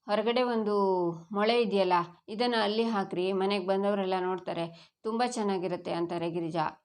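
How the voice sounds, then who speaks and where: Woman w/ narrating a tv serial recap, plain even storytelling, mid pitch. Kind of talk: retelling a TV serial episode.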